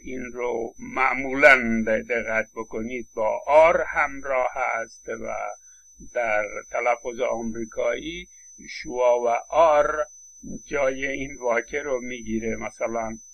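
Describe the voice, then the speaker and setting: A man's voice: medium pitch, creaky, lo-fi sound, slight background noise. A man giving a university phonetics lecture, explaining step by step with frequent hesitation fillers and modeling vowel sounds aloud.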